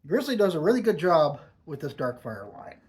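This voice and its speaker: A man's voice: on the high side, big pitch swings, normal speed, darkish tone. A man giving a casual, off-the-cuff product review with a lip full of dip pouches, savouring and stressing his words as he goes.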